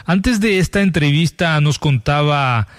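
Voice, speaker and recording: A man's voice: a little high, expressive, a little slow, no echo, studio quality. A man hosting an interview, speaking formally and courteously to a caller. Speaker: host.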